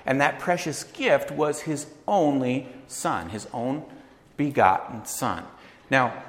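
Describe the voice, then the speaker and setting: A man's voice: medium pitch, lively intonation, slow pace, fairly bright tone, reverberant, long reverb tail. A man preaching a sermon, earnest and emphatic, repeating his key phrases as he teaches. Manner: dramatic poem recitation opening into earnest teaching. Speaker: pastor.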